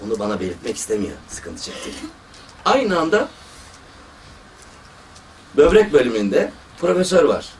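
A man, a surgeon, giving a religious talk and telling stories from his work, quoting people as he goes. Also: a little high. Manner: storytelling, lively quoting of others. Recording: distant mic with faint background noise.

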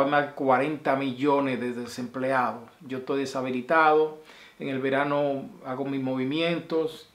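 Man, casual video message, rambling and affectionate, mid-pitched voice, echoey home room. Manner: rambling, affectionate, sends blessings. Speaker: vlogger. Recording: roomy echo.

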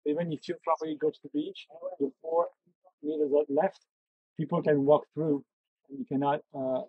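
Middle-aged guy guiding a bike tour outside, lots of uhs and restarts, kinda husky. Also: a little high, steady tone, no room sound, phone-quality sound. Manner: halting, many fillers and restarts. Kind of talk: casual guided explanation. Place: outdoors on a coastal road, on a bike.

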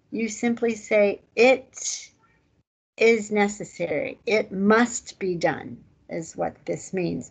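A woman's voice: medium pitch, creaky, a little mellow, slightly rough, rough recording. A woman teaching a language class online, patiently explaining grammar step by step.

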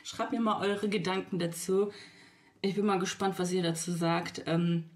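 A woman's voice: on the low side, normal speed. A woman vlogger telling a storytime to her viewers, retelling a text chat line by line with indignant, exasperated asides. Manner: lively retelling, quotes text chats back and forth; indignant, exasperated asides, sometimes drops to a whisper.

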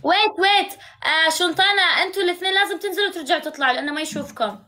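A woman hosting a casual live stream over her phone, eager and excitable. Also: very high-pitched, rapid-fire, a little hiss or hum.

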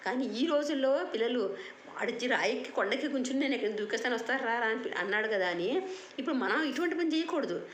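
An older woman telling a children's bedtime story in an animated, moralizing way. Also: a little high. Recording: roomy echo with faint hiss.

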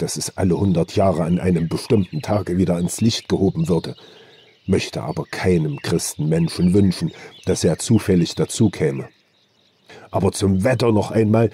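A gruff but kindly old woodsman , voiced by a man reading an audiobook talks in a folksy, earthy way. His voice sits low and mellow, grounded and unhurried. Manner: folksy, earthy storytelling speech. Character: old male forest hunter, gruff but good-natured.

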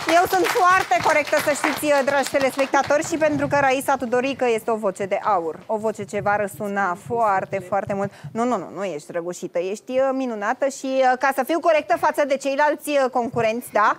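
A woman hosting a lively TV show, cheering contestants on and talking with many fillers. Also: sits high, hardly any pauses. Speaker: TV show host.

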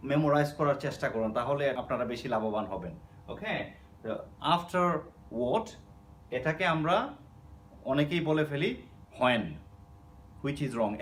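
A man's voice: mid-range voice, slight background noise. A man with a Bangladeshi accent teaching an English lesson, explaining patiently and checking in with his students. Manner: explains patiently, repeating words and asking "okay?". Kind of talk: spoken language lesson.

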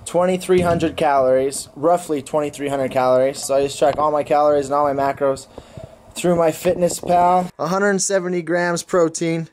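A man's voice: fairly high pitch, fairly even intonation, normal speed, darkish tone. A young man in his twenties vlogging casually to a handheld camera, chatty and matter-of-fact, correcting himself as he talks. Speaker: fitness vlogger and coach. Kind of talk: casual vlog narration to camera. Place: car, home and gym. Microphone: handheld camera close to face.

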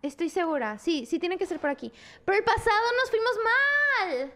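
A woman's voice: extremely high pitch, sing-song, moderate pace, sharp tone. A young woman streaming a horror game, jumpy and exclaiming at scares while talking to her chat. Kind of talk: gaming commentary.

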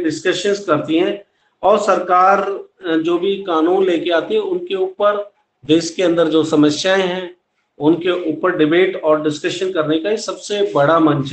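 A middle-aged man with a high voice teaches an online class from a small room at home with a plain wall. He explains things step by step, mixing English terms into Hindi and speaking directly to his students. A laptop webcam picks him up at close range, and the room is echoey with a faint hiss.

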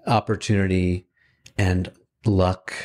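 A man's voice: sits low, level tone, slow pace, darkish tone. A man hosting a business podcast, encouraging his guest and reflecting on what he hears, often with short affirmations. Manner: encouraging, reflective, with many backchannels. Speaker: podcast host. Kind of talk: podcast interview.

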